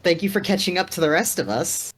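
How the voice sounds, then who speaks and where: A podcast co-host in casual chat, teasing and sarcastic, firing off quick comebacks. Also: medium pitch, expressive, breathy edge.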